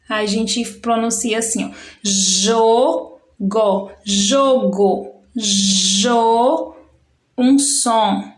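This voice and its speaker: A woman teacher talks to young pupils in a slightly high voice. She speaks very slowly and patiently and draws out each syllable as she demonstrates. The recording has a noticeable room echo. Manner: slow, patient, drawn-out syllables when demonstrating. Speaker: primary school teacher. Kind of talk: recorded classroom lesson for children.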